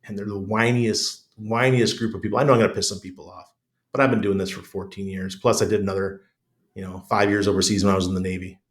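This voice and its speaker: Speaking fast with a lowish, steady voice, a middle-aged American podcast guest chats bluntly in a relaxed conversational interview. He has chest congestion.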